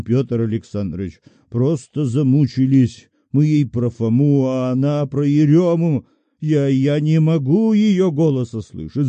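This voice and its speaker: A man voicing an exasperated bank clerk who grumbles slowly. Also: mid-range voice, warm tone, dry recording, lo-fi sound, lightly acted.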